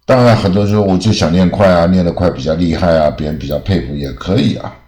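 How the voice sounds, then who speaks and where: Low-voiced man teaching with rambling fillers. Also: mellow. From Taiwan. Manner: rambling, ends phrases with drawn-out "ah" fillers. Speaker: English teacher. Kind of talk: casual spoken lesson. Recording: echoey room.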